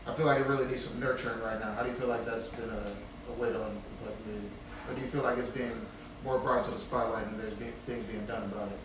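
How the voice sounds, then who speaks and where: Bay Area host in his twenties, rapid flat talk, echoey far-off room. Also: medium pitch. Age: 20s. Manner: quick agreeing interjections, flat delivery. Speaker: podcast host. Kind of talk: casual interview chat. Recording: echoey room, distant mic, noisy.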